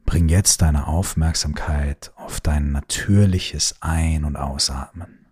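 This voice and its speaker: Male meditation guide, very deep, husky voice, slow and soothing delivery that drifts into whispers. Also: fairly even intonation, darkish tone.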